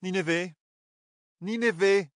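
Audiobook: impatient wry young man, raised pitch, read by the male narrator. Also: expressive, a little fast, no echo, studio quality. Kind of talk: audiobook character voice.

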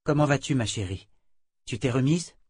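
A man's voice: medium pitch, expressive, moderate pace, a little mellow, husky, no room sound, clean studio sound, pitched above the performer's own voice. A man playing a stern woman inquisitor. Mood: tender. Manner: commanding, firm. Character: stern woman inquisitor, commanding yet tender.

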